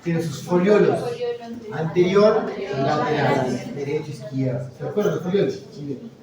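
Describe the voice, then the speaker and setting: A man's voice: a little high, measured pace, a loud crowd. A male anatomy lecturer teaching a class, quizzing students and encouraging them with frequent "very good.". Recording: echoey lecture hall, mic far off, students audible. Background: students murmuring and answering.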